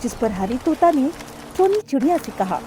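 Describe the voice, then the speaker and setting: A woman narrating a children's cartoon story in a clear, expressive storytelling voice, recorded as a studio voice-over. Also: high-pitched, moderate pace, background noise.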